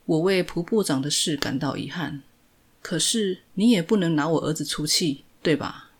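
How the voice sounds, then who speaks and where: A man's voice: a little high, normal speed, breathy edge. A woman voicing a cold, condescending older male company chairman in a retold drama. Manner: calm, condescending.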